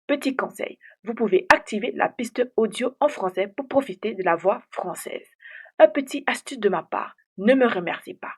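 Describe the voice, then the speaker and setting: A woman video essayist giving a scripted analysis of an animated series, in a slow, theatrical storytelling manner. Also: a little high, breathy edge.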